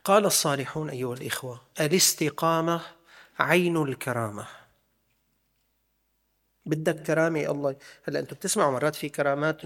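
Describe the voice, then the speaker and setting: A man giving a religious lesson, emphatic and full of repeated rhetorical questions. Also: fairly high pitch. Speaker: religious teacher.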